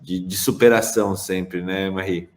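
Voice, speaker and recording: A podcast host with a deep voice and a moderate pace runs a casual chat, introducing guests and joking with them. He's chatty and lively, laughing and restarting sentences.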